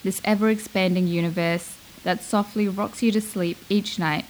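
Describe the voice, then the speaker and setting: A young woman from Malaysia narrating a reflective spoken-word essay, slow and measured, lingering on her phrases. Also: medium pitch, steady tone, darkish tone, a little hiss or hum, rough recording.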